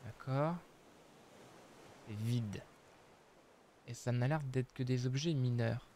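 A man's voice: mid-range voice, slow pace, mellow, slight background noise. A man casually commenting on his survival game as he plays, thinking aloud with many hesitations. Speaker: streamer playing a survival game.

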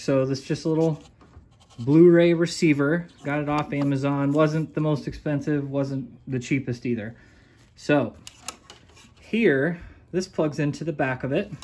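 A man's voice: fairly high pitch, a little mellow, a little hiss or hum. A man casually narrating his own restoration work in a driveway and a garage workshop, thinking aloud in a folksy, rambling way while he films on a handheld phone. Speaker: restoration video host.

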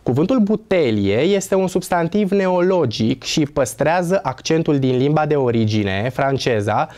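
A man giving a scripted language lesson on pronunciation, slowly contrasting correct and wrong forms in a clear, explanatory teacher's delivery. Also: fairly high pitch, lively intonation, darkish tone. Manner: slow, deliberate contrasting of right and wrong pronunciations.

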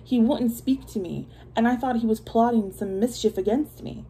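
A woman's voice: a little high, moderate pace, dark tone, voice pushed up, natural voice, rough recording. A woman voicing a male python who makes indignant, pleading excuses in a read-aloud folktale.

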